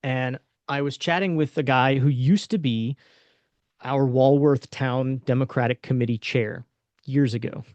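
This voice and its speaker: A man's voice: medium pitch, fairly even intonation, measured pace, a little mellow, dry recording. A man speaking as a panelist in a casual panel discussion, frank and conversational with lots of fillers, over a video call. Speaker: panelist and local political candidate. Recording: dull, lo-fi, dry webinar audio.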